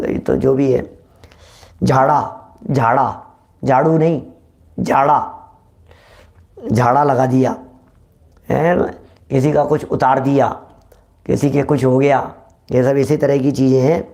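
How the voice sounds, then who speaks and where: A man's voice: on the high side, creaky, a little mellow. A man giving a religious discourse, explaining in a repetitive way and addressing listeners familiarly. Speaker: religious lecturer.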